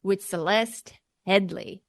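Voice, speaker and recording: A woman's voice: medium pitch, takes it slowly, no echo, clean studio sound. A woman hosting a podcast in a conversational style. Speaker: podcast host.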